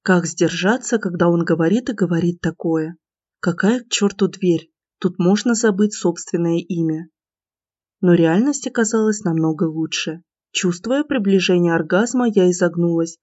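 A woman giving steady, expressive first-person narration of a romance audiobook, in a dull, slightly lo-fi recording. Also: fairly low pitch, moderate pace, no room sound.

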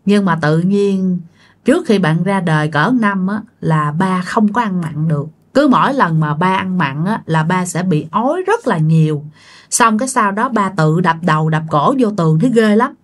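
A woman's voice: fairly low pitch, lively intonation, moderate pace. A woman telling a ghost story in a chatty way, addressing her listeners directly. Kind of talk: spoken ghost-story narration.

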